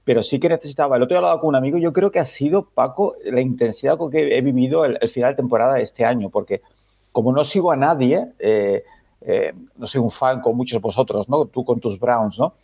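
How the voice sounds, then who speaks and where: Husky-voiced man explaining football talk. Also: mid-range voice, fast talker, muffled recording. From Spain. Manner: explains patiently, many filler "no?" tags. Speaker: football podcast panelist. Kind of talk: casual chat.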